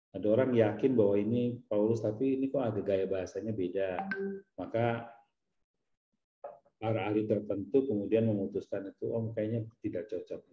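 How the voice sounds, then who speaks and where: Man, priest, easygoing teacherly explainer, low warm voice, muffled roomy sound. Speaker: priest giving a talk. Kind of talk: relaxed explanatory talk.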